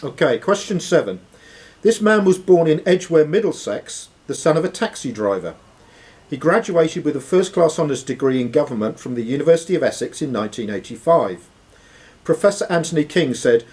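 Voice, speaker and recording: In a sports and social club room, this man runs a live quiz, reading out each question and deciding whether answers count. His pitch is fairly high, and his tone is darkish and husky.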